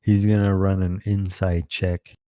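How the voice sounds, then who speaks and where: A man running a tabletop game as game master, relaxed and often laughing. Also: low voice, a little slow, clean tone, no echo, studio quality. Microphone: online voice chat.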